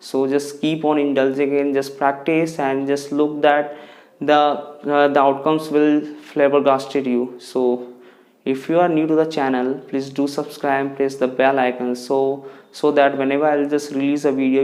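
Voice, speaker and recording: A young man teaching pronunciation in a casual video lesson, repeating words slowly and often restarting his sentences. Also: mid-range voice, little pitch movement, a little mellow. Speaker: English tutor.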